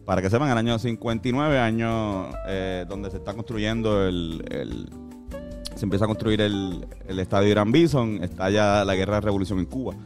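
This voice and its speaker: A man with a Puerto Rican Spanish accent explaining things casually, in a halting, informal, slangy way. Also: lowish voice, over music. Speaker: podcast host telling local history. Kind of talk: casual explanatory talk from notes.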